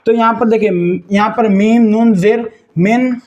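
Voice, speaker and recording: A man teaching Quran reading step by step. He spells out letters slowly, syllable by syllable, and patiently asks questions that he answers himself. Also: high voice, fairly even intonation, a little mellow, dull audio, a little hiss or hum. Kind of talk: step-by-step recitation lesson.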